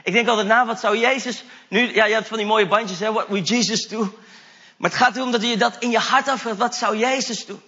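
Eager, high-voiced man preaching a testimony. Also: a little fast, muffled recording. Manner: enthusiastic, animated, mixes in English phrases. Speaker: evangelist preacher. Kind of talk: sermon testimony storytelling.

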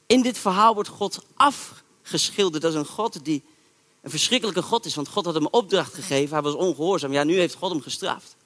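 A male preacher with a high-pitched voice tells a scripture story from the pulpit. He talks in a lively, everyday way and slips into the voices of the people he quotes. His voice rings out with a long echo, as in a large church hall. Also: a little fast. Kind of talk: sermon retelling a Bible story. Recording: echoey hall reverb.

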